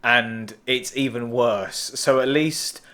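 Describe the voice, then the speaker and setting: A man's voice: mid-range voice, takes it slowly, a bit bright. A man hosting a travel vlog, chatting casually at night in a room with a dry, teasing humor. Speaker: vlogger host. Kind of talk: casual chat.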